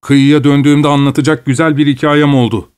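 A man narrating a story voices a mocking male chief who jeers loudly. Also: fairly high pitch, flat delivery, brisk, clean tone, pitched above the performer's own voice, close to an everyday voice. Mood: jeering. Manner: jeering.

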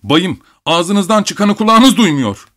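A man voicing a hot-tempered rich nobleman who yells in a shrill voice. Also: very animated, slow pace, exaggerated voice. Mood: outraged. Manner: shouting, outraged.

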